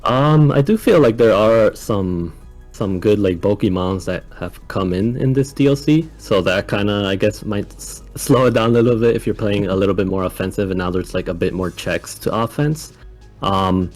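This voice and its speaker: A young man from Ecuador, now living in the United States, talking calmly and casually as a guest in an interview. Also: fairly low pitch, normal speed, soft background music. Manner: calm, laid-back, soft-spoken with frequent laughs. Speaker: guest coach.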